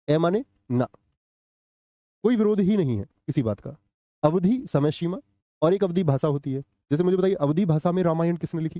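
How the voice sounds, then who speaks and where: A man's voice: fairly high pitch, warm tone, no room sound. A man teaching a live online Hindi grammar class, asking questions, answering them himself and replying to chat comments. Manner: quizzes students, answers his own questions.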